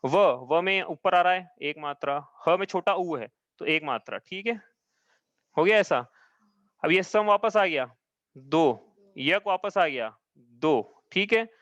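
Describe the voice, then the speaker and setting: A man's voice: sits high, a bit bright, no echo, lo-fi sound. A man teaching a live class, patiently explaining each step and often checking that his students follow. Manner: chants verses slowly. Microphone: own mic, audio only.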